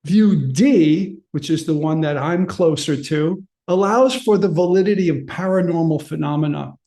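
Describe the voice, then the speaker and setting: Brief: male presenter reading his paper, earnest and measured, with a fairly high voice. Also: warm tone. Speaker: conference presenter. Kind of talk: reading a prepared paper aloud.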